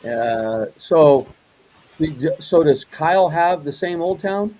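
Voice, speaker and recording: A man's voice: on the high side, expressive, slow pace, warm tone, poor audio. A man hosting a casual interview, rambling a little, often repeating words and restarting his questions. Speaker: host.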